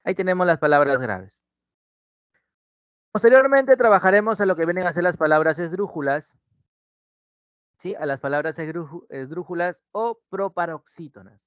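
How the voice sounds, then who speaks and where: A man with a high, expressive, fairly bright voice teaches an online language class in a Peruvian Spanish accent. He draws out his words like a teacher and checks in with students using "¿no?" and "ujú". The dry close mic captures no room sound but gives a dull, muffled quality.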